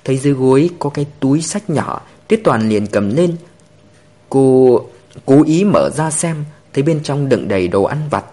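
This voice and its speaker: A man narrating a story in an expressive storytelling manner. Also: mid-range voice.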